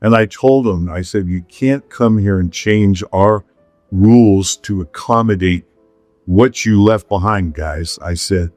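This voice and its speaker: A middle-aged man hosting a relaxed talk, drifting from one story to the next. He keeps circling back on himself and breaking into laughs. His voice sits close and dry on the mic, with faint music under it. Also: on the low side, a little slow, no room sound. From Pacific Palisades, California. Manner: rambling storyteller, laughs often. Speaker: podcast host. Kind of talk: casual chat.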